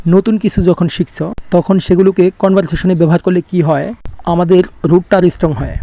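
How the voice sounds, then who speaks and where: A man teaching spoken English, saying each English phrase slowly and clearly, then repeating it. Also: high voice, mellow, no room sound.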